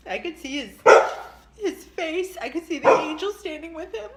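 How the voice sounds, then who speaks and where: A woman's voice: very high voice, lively intonation, normal speed. A middle-aged woman telling a personal story casually while crying, blubbering, her voice breaking with tears.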